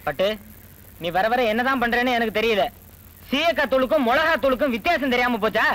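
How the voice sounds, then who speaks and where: A village elder settles a family squabble in a film drama with quick, mild reproach. His voice is very high for a man, and he speaks fast. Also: fairly bright tone. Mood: reproachful.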